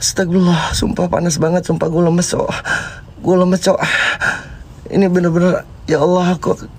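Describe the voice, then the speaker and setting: A man in a ghost-hunting vlog, frantic and shouting, praying and pleading, out of breath inside a car. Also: high voice, little pitch movement, normal speed. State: exhausted, short of breath. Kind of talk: panicked horror vlog.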